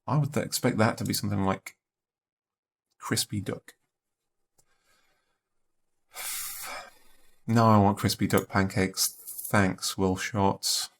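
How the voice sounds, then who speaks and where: A young man thinking aloud in a let's play, musing and unhurried, trailing off into half-spoken guesses. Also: lowish voice, little pitch movement, vocal fry. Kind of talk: thinking-aloud puzzle commentary.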